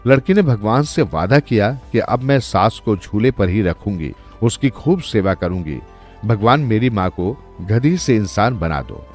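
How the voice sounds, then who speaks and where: A man telling a folk story in scripted, expressive narration. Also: fairly low pitch.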